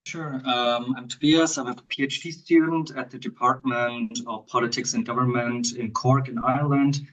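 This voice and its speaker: A man's voice: mid-range voice, steady tone, moderate pace, a bit bright, dull audio. A man, a doctoral student, introducing himself briefly and matter-of-factly on a video call. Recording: distant from the mic.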